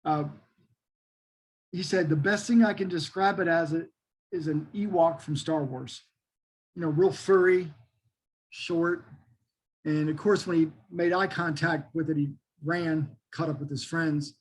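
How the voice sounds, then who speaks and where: A man's voice: a little high, steady tone, a little slow, pauses often, husky, low-quality recording. A middle-aged man, talking casually as an interview guest in a folksy, enthusiastic, emphatic way. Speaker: interview guest, Bigfoot researcher.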